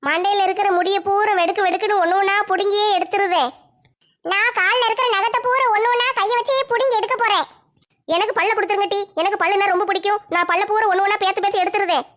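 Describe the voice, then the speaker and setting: A woman's voice: very high-pitched, steady tone, fast talker, fairly bright tone. A woman voicing a fierce village woman who taunts and threatens a rival. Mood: menacing. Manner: threatening, taunting, vicious relish. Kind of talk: one-woman comic skit.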